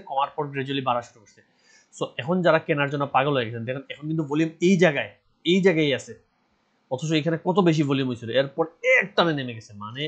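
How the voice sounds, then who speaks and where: A man from Bangladesh giving casual stock market commentary, earnest and insistent, repeating his advice. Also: medium pitch. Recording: dull lo-fi voice recording.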